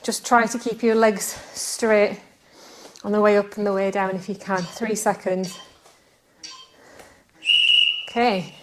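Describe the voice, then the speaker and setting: A woman coaching a workout, out of breath as she exercises along. She talks in a chatty, self-deprecating way at a middling pitch. Faint background noise sits under her voice. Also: level tone, normal speed. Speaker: fitness coach. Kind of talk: workout instruction. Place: outdoors.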